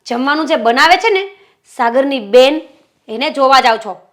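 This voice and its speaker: A woman plays a jealous wife pressing her husband with accusations and biting sarcasm. Her voice is high and bright. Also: expressive, moderate pace. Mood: accusing. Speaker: suspicious wife. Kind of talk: Gujarati short-film family drama acting.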